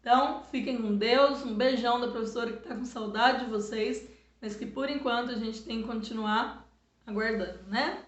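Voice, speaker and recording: A middle-aged woman teacher with a Brazilian Portuguese accent, patiently explaining a spelling lesson to children and sounding words out slowly. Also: a little high, fairly even intonation. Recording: echoey room, dull lo-fi sound.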